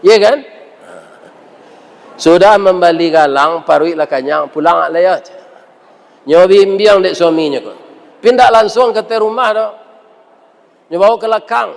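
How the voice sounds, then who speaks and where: A man's voice: sits high, measured pace, gravelly, pauses often. A man preaching a humorous sermon, telling stories and teasing the audience with questions. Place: large mosque hall. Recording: reverberant mosque hall.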